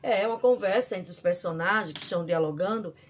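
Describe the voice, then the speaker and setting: Woman, Brazilian Portuguese accent, video lesson, slow deliberate delivery, frequent checking questions. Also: lowish voice, slight background noise. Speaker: teacher. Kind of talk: recorded video lesson on punctuation.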